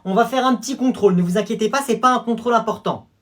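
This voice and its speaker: A woman playing a schoolteacher who calmly announces a quiz to her class in a comedy sketch. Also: on the high side, quick pace, lightly acted. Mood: reassuring. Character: corrupt schoolteacher giving a quiz.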